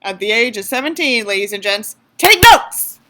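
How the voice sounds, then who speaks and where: In a small apartment room, a woman with a fairly high voice reads a story aloud as host, her pitch swinging widely at a normal pace. She mocks it with dramatic flair and tosses in sarcastic, theatrical offhand remarks, all against a noisy background.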